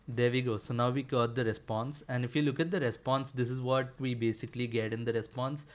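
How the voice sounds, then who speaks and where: A man's voice: mid-range voice, steady tone, brisk. A man presenting a screen-share programming tutorial, explaining casually with frequent fillers like "uh" and "basically".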